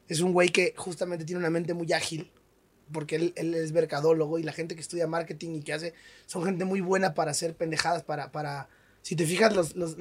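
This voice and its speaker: Hombre mexicano de voz aguda y ronca. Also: male voice, a little high, husky. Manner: slangy, emphatic storyteller. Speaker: stand-up comedian guest. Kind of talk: casual podcast interview.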